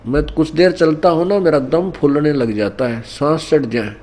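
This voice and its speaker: A frail old man, grumbling about his ailments in a warm, mellow, fairly high voice, as a preacher puts him on in a story. He complains readily and flares up quickly. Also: lightly acted. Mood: complaining. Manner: grumbling, then angrily scolding.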